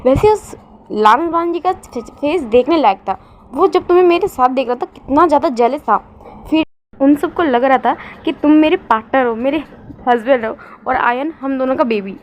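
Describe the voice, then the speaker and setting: A man's voice: very high-pitched, moderate pace, a little hiss or hum. A woman voicing a teasing, cold-faced young man who mocks others in amusement. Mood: amused.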